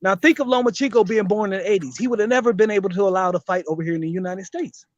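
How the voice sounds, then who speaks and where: A man's voice: high voice, very fast, no echo. A man in a heated, casual sports debate, emphatic and argumentative, swearing and repeating himself, on dull lo-fi audio.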